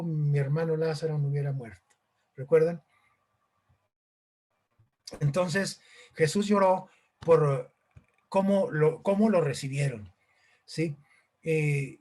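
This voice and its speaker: A man's voice: a little high, darkish tone. A man preaching an informal sermon, hesitant, with many fillers and restarts, often asking the listeners questions.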